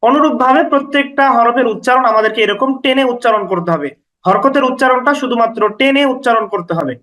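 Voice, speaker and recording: In a fast, rough recording, a man teaches recitation rules in a very high voice that is bright and forceful. His step-by-step explanation moves patiently from rule to rule, with every point repeated and the example sounds stretched out, and he stays even all the way through.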